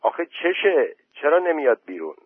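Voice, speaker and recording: A man's voice: fairly high pitch, sing-song, breathy edge, dry recording, voice pushed up. A man voicing a worried village headman who asks practical, fretful questions. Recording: dry tinny phone-like voice message.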